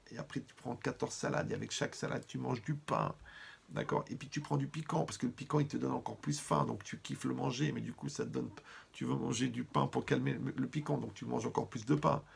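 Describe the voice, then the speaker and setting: A man giving a lively Torah lesson, talking straight to his listeners and using funny everyday examples. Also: mid-range voice, vocal fry, slightly rough. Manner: lively, talks to listeners directly, humorous examples. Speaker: rabbi teaching Torah.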